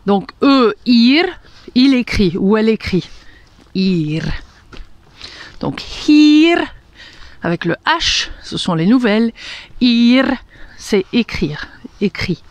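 Speaking expressively in a fairly high voice, a Hungarian-accented woman runs careful pronunciation drills for a language lesson. She says each word slowly, one by one, breaking into light laughs from time to time.

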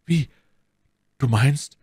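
A man's voice: medium pitch, sing-song, moderate pace, creaky, slightly rough, no echo, exaggerated voice. Male narrator playing a frantic young swordsman in a storybook, urgent, raised and lifted voice, dry sound. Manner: urgent, crying out.

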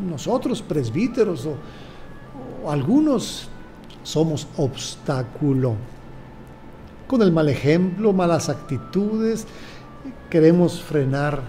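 Preaching in a slow, measured way, an older bishop with a Mexican Spanish accent repeats his phrases often. His voice sits on the high side with a dark tone, and there's a little hiss or hum in the recording.

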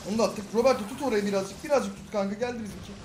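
A young man with a Turkish accent giving excitable live gameplay commentary, talking to teammates and viewers with sudden loud outbursts. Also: high-pitched, rapid-fire. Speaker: gaming YouTuber. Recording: roomy sound with game music behind.

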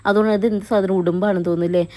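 A woman's voice: medium pitch, steady tone, rapid-fire, darkish tone. A young woman, narrating her family vlog as a chatty voice-over and often tagging on a friendly 'you know'. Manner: chatty, keeps adding 'you know' tags. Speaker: family vlogger.

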